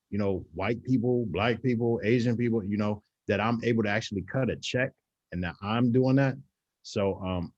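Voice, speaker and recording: A man who founded an agency, speaking earnestly on a panel with many halting fillers. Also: fairly low pitch, darkish tone, no room sound, highs cut off. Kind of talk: panel discussion.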